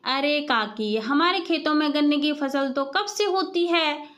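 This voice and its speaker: A woman voicing a brash, half-deaf young village man who talks loudly and rambles. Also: high-pitched, a little slow. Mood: boastful. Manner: loud, mishears and rambles.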